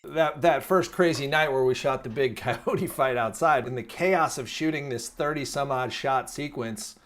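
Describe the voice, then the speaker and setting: A man interviewing casually, telling anecdotes in an animated, chatty way. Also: medium pitch, moderate pace. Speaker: interviewer, filmmaker.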